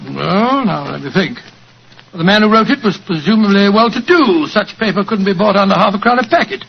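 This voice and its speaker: On a muffled recording of a 1940s radio drama, a genial older English doctor speaks in a voice that sits high for a man. He is hearty and avuncular, a loyal friend fond of old-fashioned turns of phrase, and his brisk, expressive, exaggerated voice is creaky and slightly rough. He sounds puzzled and curious.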